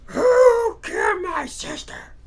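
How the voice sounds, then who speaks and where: A man voicing a vengeful wicked witch from a classic film, menacing, shrill and theatrically drawn-out. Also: lively intonation, heavily acted. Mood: outraged, menacing.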